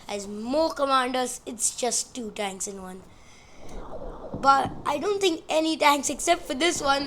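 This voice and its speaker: A woman giving excitable gameplay commentary on a battle simulation, rambling, easily amused and counting units aloud. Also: high voice, creaky, a little hiss or hum.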